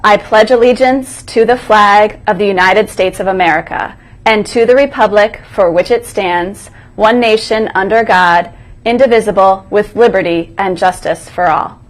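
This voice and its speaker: A woman's voice: medium pitch, moderate pace, rough recording. A woman co-hosting a school morning broadcast, reading scripted announcements aloud.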